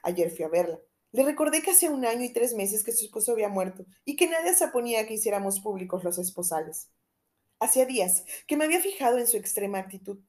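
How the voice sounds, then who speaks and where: A woman reading an audiobook, voicing an anxious middle-aged gentleman who confides in urgent, lowered tones. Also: lightly acted.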